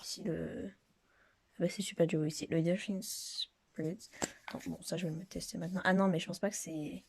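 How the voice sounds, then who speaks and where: A woman's voice: on the low side, fairly even intonation, moderate pace, gravelly, slight background noise. A young woman in her teens chatting casually while unboxing skincare products, rambling with many fillers and sometimes dropping to a whisper late at night. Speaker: vlogger. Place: bedroom at night.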